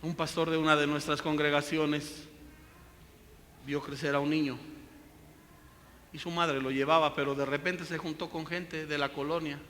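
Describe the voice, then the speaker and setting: A man preaching a sermon as a pastor, swinging from loud rebuke to hushed pleading. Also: on the high side, flat delivery, normal speed, long pauses. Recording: hall reverb with faint background noise.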